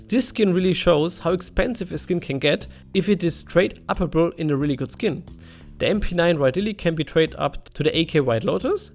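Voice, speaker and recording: Lively, higher-pitched German-accented man. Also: creaky. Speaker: video creator narrating a game item list. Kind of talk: informal voice-over commentary. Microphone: voice-over over game footage.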